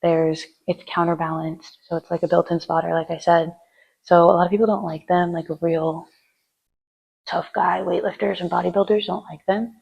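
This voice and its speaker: A woman's voice: lowish voice, fairly even intonation, normal speed, vocal fry, breathy edge, lo-fi sound. A woman chatting through her gym workout, giving casual lifting tips between sets, sometimes out of breath. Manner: chatty, rambling, with fillers. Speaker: fitness vlogger.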